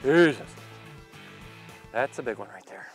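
A man's voice: medium pitch, unhurried, over music. A man in his thirties hosting a fishing video, explaining technique and cheering catches outdoors on a lake boat. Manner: excited on-the-water banter. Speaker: fishing show host.

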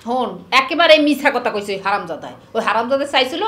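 A woman's voice: on the high side, very animated, fairly bright tone, echoey room. An actress playing a scolding village mother with an in a comedy TV drama. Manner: scolding, quick-tongued.

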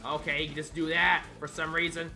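A young man doing let's play commentary, excitable, yelping and shouting at the game, cracking crude jokes and talking to the characters. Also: a little high, a little fast, vocal fry. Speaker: gameplay commentator.

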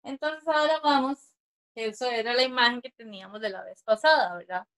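A woman's voice: fairly high pitch, fairly quick, fairly bright tone. A woman teaching a class over a video call, patiently counting strokes aloud and often checking in with her listeners. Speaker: Japanese teacher. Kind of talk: online class explanation.

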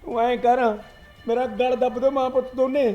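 A man's voice: very high-pitched, flat delivery, normal speed, muffled recording, music in the background. An actor playing an older farmer grandfather who pleads tearfully with his wife in a short drama. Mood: pleading.

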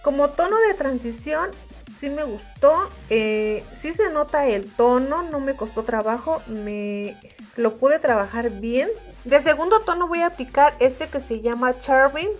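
Woman, Mexican Spanish accent, high pitch, calm step-by-step makeup tutorial, soft music underneath. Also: a little slow. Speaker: makeup reviewer.

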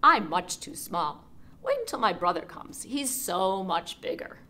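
A woman voicing the second billy goat, a bigger young male goat with a fairly loud voice in a storybook. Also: mid-range voice, huge pitch swings, unhurried, heavily acted. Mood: bargaining.

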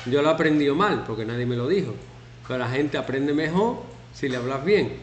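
A man's voice: mid-range voice, brisk. A man in his fifties, a teacher, talking casually and jokingly to his students while working through a class activity. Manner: chatty, joking, lively, acts out shouting examples. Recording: echoey classroom, faint background noise.

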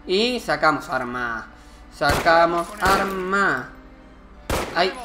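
Guy commenting on a game, chatty and jokey, game music loud behind him. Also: on the high side, expressive, extremely slow. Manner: chatty, joking, exclaims at the game. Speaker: gameplay commentator. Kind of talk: casual let's-play commentary.

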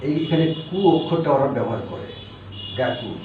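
A man's voice: mid-range voice, lively intonation, moderate pace, a little hiss or hum. A man teaching a language lesson, patiently repeating and spelling out syllables one at a time. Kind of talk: spoken grammar lecture. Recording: echoey, dull lo-fi room sound.

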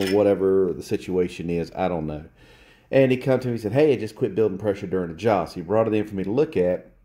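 In a cluttered workshop, a repair technician demonstrates a fix on camera, bluntly lecturing and repeating his points for emphasis. A handheld phone camera held close to the work picks up his low, warm voice along with a little hiss or hum.

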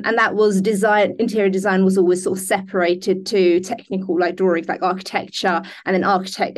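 A young woman born in Denmark, a business founder speaking in a video call interview, hesitant with many ums and restarts. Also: medium pitch. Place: indoor room. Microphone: laptop webcam on a video call.

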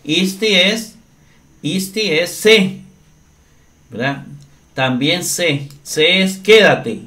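A man teaching Greek grammar in a slow, step-by-step screen-share lesson, often checking in with his listeners. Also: high-pitched, pushed and bright. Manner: slow, deliberate, often asks "¿verdad?".

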